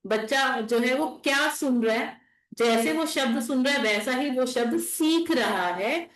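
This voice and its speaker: A woman teacher giving a classroom lecture, explaining patiently and checking in with her students often. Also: high-pitched. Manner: explains patiently, repeats and checks with "theek hai". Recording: echoey classroom.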